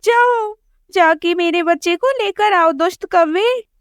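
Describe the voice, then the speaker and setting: A woman voicing a desperate cartoon mother sparrow who pleads loudly for her child. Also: high voice, normal speed, dry recording, studio quality, pitched above the performer's own voice. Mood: angry. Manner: sobbing, pleading.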